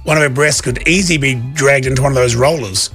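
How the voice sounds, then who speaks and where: A man with a New Zealand accent doing rambling, deadpan comic banter as a casual radio host. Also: mid-range voice, fast talker, soft background music.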